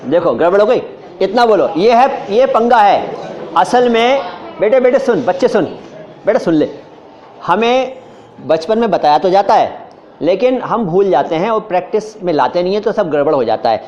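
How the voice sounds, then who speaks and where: Animated high-voiced male Hindi teacher. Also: lo-fi sound. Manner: demonstrates sounds slowly, repeats syllables, jokes with students. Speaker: Hindi-Urdu pronunciation teacher. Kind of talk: lively classroom-style lecture.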